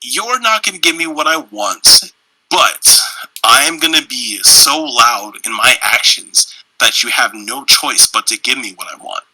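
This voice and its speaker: A young man co-hosting a podcast, telling stories in a loose, profane, animated way. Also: mid-range voice, measured pace, husky, no room sound, poor audio. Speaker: podcast co-host. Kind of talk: casual chat.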